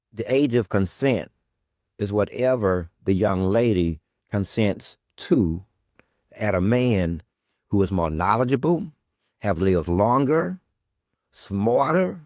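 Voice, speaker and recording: A man's voice: fairly low pitch, darkish tone, no echo, studio quality. A male podcast host delivering a confrontational monologue at an absent guest. He is sarcastic and profane, and he keeps circling back to his questions.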